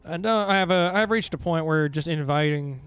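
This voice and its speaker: A man's voice: fairly high pitch, a little fast, a bit bright, smooth, no echo, soft background music. A man casting a live esports match and then interviewing the winning team, upbeat with casual fillers. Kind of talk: live esports play-by-play commentary.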